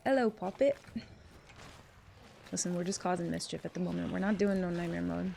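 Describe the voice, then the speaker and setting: A woman's voice: fairly low pitch, steady tone, fairly quick, gravelly. A woman streaming a game live, chatting casually and playfully, with sudden yelps and squeals and voice cracks when something startles her. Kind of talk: casual live gameplay commentary. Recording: noisy live stream audio.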